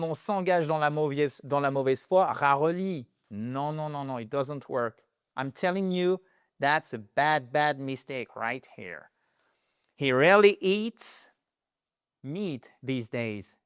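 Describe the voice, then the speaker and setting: Male English tutor, playful and animated; smooth voice, dry close recording. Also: medium pitch, no echo. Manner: animated, playful, shifts between French and English examples. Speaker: English teacher. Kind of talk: lively language lesson.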